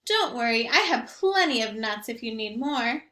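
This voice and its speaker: Here a woman voices a doting old grandmother, half deaf and half blind, who fusses and chatters fondly in a sing-song lilt. Her slightly high voice is expressive, pushed and bright, delivered at normal speed in a reverberant space.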